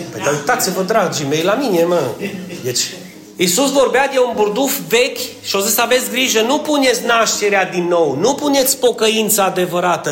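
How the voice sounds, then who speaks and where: A man's voice: high-pitched, fairly bright tone, reverberant. A male pastor, preaching a humorous sermon, acting out little scenes and calling on listeners by name. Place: church, indoors.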